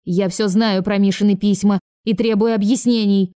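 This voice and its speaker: A woman voicing an elderly aunt, now young-looking, who is indignant and excitable. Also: mid-range voice, moderate pace, clean tone, no echo, studio quality, natural voice. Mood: exasperated.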